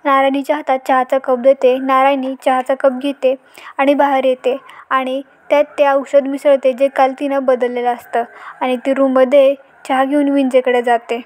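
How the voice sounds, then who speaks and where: A woman with a Marathi accent recapping a TV serial episode in steady storytelling narration. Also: high voice, normal speed.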